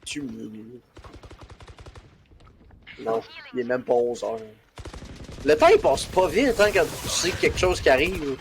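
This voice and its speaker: Young Quebec French streamer, teasing banter, animated and slightly high. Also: male voice, a little slow, creaky, pauses often, a little hiss or hum. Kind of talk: casual gaming chat.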